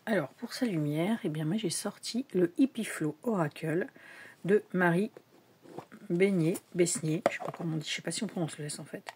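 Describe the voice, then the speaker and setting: A woman's voice: lowish voice, normal speed, a little mellow, a little hiss or hum. Chatty woman showing tarot decks. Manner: chatty, hesitant, many fillers, drops to whispers at times. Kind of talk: casual show-and-tell vlog.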